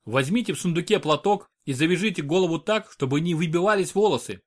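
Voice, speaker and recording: A man's voice: a little high, animated, fast, voice pushed up. A man voicing a huge, stern male doctor who barks curt orders. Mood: commanding.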